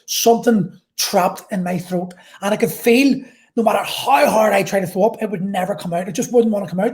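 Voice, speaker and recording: A woman vlogger telling an intense personal story in a halting way, repeating phrases and swearing. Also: medium pitch, darkish tone.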